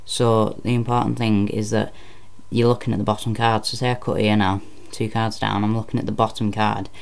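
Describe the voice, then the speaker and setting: A man gives informal card trick patter, explaining step by step and repeating phrases as he goes. His voice is lowish, level, fairly quick and creaky.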